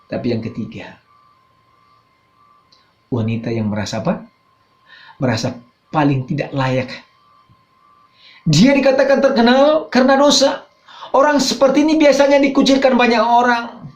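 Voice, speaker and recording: A male pastor delivers a sermon, his voice leaping up for emphasis and sinking into hushed asides. The sound is roomy, with plenty of echo from the space around him. The recording itself is dull and a little muffled. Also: normal speed, pauses often. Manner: emphatic preaching that swings between loud high phrases and low quiet asides.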